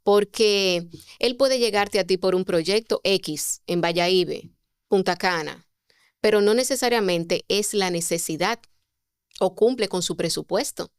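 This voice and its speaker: A woman, a communication mentor, explaining sales techniques as a podcast guest with expressive delivery and rhetorical questions. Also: mid-range voice, unhurried, clear, resonant tone, no echo, clean studio sound.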